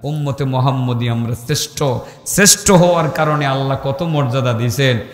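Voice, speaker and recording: A man's voice: mid-range voice, brisk. Male waz preacher who slides into a sung chant at peaks; recorded over a PA with a roomy, reverberant hall sound. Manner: shifts into a sung, chanting delivery at climaxes. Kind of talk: waz sermon storytelling. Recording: echoey hall with long reverb.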